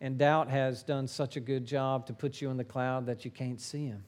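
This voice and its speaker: A middle-aged man preaching a sermon in an earnest way, swinging between forceful emphasis and hushed, low phrases. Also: steady tone, moderate pace.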